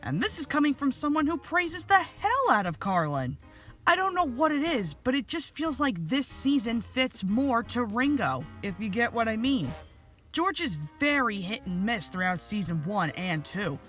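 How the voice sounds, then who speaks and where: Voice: mid-range voice, sing-song, normal speed, fairly bright tone, faint music behind. A reviewer giving opinionated scripted commentary.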